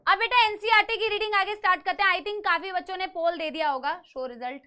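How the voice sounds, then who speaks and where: Young woman, online biology tutor with a sore throat, very high bright voice, talks to students like a caring elder. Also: quick pace. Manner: calls students beta, mixes English terms into Hindi, asks "theek hai?" often. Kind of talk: live online class lecture.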